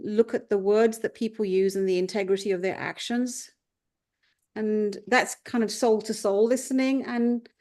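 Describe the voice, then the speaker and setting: Guesting on a reflective podcast, this life coach from England, in her fifties with Punjabi as her first language, speaks in a medium-pitched, darkish voice. She is thoughtful and tends to circle back, restarting her points.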